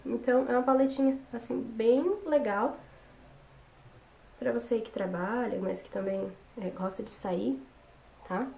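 Casual tutorial host: young woman, voice hoarse from a cold, recorded in a roomy bedroom with faint noise. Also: on the high side, unhurried, long pauses, mellow. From Brazil. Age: young adult. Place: small bedroom, indoors. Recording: roomy echo with background noise.

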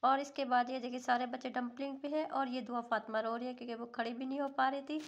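A woman's voice: high-pitched, level tone, quick pace, dull audio. Chatty woman narrating a family outing. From Pakistan. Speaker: vlogger. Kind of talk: casual voice-over narration.

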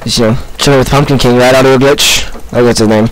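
A young man giving goofy, excitable commentary while playing Minecraft, with faint background noise. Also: mid-range voice, a little fast, poor audio. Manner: excitable, goofy, yelps and shouts at the game. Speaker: gaming YouTuber. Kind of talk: casual Minecraft let's-play commentary.

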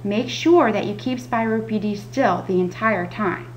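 A woman delivers scripted instructional narration as a patient educator. Her voice sits at a medium pitch. Faint noise and a hum sit behind her. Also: a little slow, rough recording. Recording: audible background noise with hum.

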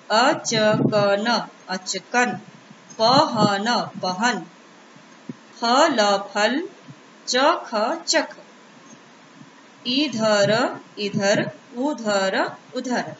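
A woman teacher leading a children's Hindi reading lesson, sounding out words slowly and answering her own questions. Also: fairly high pitch, a bit bright. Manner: slow, sing-song syllable-by-syllable reading with question-and-answer prompts. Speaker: primary school Hindi teacher. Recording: roomy, dull-sounding recording with noise.

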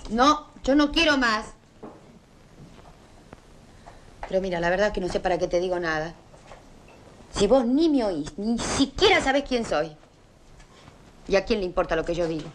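A woman's voice: medium pitch, very animated, normal speed, lightly acted. An actress playing a stubborn, patriotic working-class mother with a Rioplatense Argentine accent, talking in an emotional, insistent way. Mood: weary. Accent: Rioplatense Argentine Spanish. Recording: 1980s film soundtrack, faint hiss.

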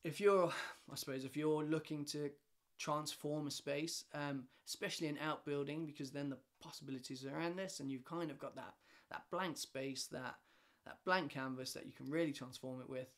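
A man's voice: a little high, steady tone, moderate pace. Chatty man rambling on camera. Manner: chatty, rambling with many restarts and fillers, gestures a lot. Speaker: lighting design company director. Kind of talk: casual talking-head explainer. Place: home living room with shelves and a stove. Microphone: camera in front, head and shoulders framing.

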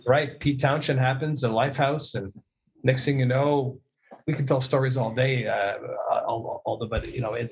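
The recording is low quality, carrying a middle-aged Canadian man's mid-range voice over a video call from an indoor room. A guest who works as a music producer and audio mixer, he shares casual stories as an animated storyteller, voicing the dialogue himself.

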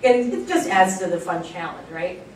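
A woman's voice: lowish voice, expressive, normal speed. Enthusiastic woman lecturer, casual with fillers, recorded from afar in a roomy hall with faint noise. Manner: chatty and enthusiastic, many fillers. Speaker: archaeology lecturer. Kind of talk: public slide lecture. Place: lecture room, recorded from far off. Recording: very echoey room, distant mic, faint background noise.

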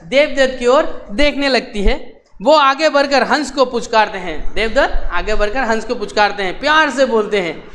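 Male teacher, reading a play in class, repeats and paraphrases each line, very high voice. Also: moderate pace, fairly bright tone, a little hiss or hum.

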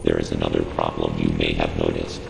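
This heavily acted video game AI, voiced by a man, briefs the player formally and without emotion in a synthetic, robot-processed voice. It's extremely low with vocal fry, completely flat, and fast, the clipped, instructing scripted mission briefing carrying a cold, measured mood. Loud ambient noise and reverberant echo surround it.

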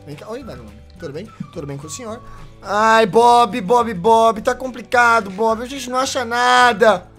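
A young man with a Brazilian Portuguese accent giving excitable, casual gameplay commentary, yelping and joking as he talks to the characters on screen. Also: very high voice, normal speed, soft background music. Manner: excitable, yelps and laughs, talks to game characters. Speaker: gaming YouTuber.

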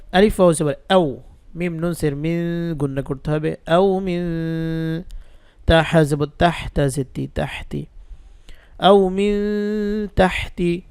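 Male recitation teacher, slow and patient letter-by-letter spelling, clean close voice, higher pitched. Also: darkish tone, no echo. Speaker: Quran teacher. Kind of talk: spelled-out Quran recitation lesson. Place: indoors, rain audible outside.

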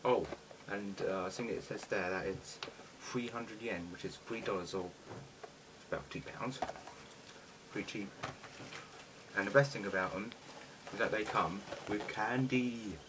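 A man's voice: fairly low pitch, a little slow, pauses often, distant mic. A British man gives casual, eager commentary while unboxing toys at home. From Britain. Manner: chatty, eager toy-collector enthusiasm. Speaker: toy reviewer. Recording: noisy home recording with clicks.

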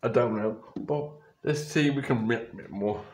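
A young adult YouTuber's medium-pitched, slightly mellow voice carries at a moderate pace as he reacts to photos, wandering off track and frequently correcting himself. It's recorded up close on a webcam or phone in a small bedroom, which gives a roomy sound.

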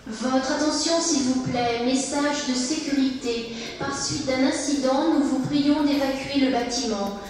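A woman's recorded evacuation notice plays over a shop loudspeaker in a clear, high, unhurried tone. It rings through a big echoing hall, caught from across the room with music behind it. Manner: calm, measured, formal. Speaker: recorded safety announcer. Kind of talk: pre-recorded evacuation announcement in two languages. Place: large store, indoors. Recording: echoey hall loudspeaker, far from mic.

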